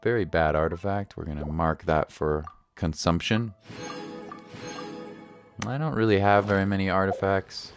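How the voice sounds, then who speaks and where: This livestreamer's voice sits low with fairly even intonation at normal speed, broken by long pauses. He riffs casually and playfully on the game, repeating himself for emphasis, with the game's music in the background.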